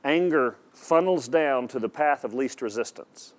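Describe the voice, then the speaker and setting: A man's voice: mid-range voice, lively intonation, measured pace. A man preaching a sermon to an audience in a hall, emphatic and direct, often asking the listeners questions and repeating his words. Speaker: pastor.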